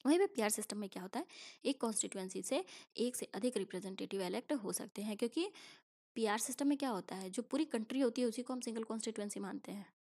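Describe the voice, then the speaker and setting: A young woman teaching an exam-prep civics lesson, explaining in a patient, chatty way. She keeps checking that the students follow, and she reads textbook lines slowly before she explains them. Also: fairly high pitch, animated, a little mellow. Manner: explains in mixed Hindi and English, asking checking questions.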